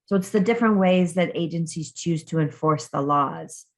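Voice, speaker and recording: Woman teaching a lecture, low voice. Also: moderate pace. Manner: conversational, asks many questions, frequent ums and restarts. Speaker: criminal justice instructor. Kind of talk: recorded online lecture.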